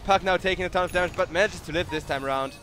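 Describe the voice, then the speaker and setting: This young German esports caster sounds tired, yet his voice sits high and runs very fast, with a slightly bright quality. He's commentating a live game solo and chatting to viewers between plays.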